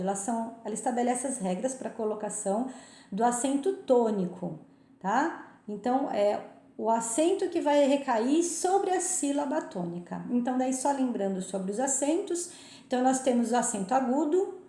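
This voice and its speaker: A woman's voice: on the high side, warm tone. A woman teaching a lesson, explaining a textbook chapter and often checking understanding with short tag questions. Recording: echoey room.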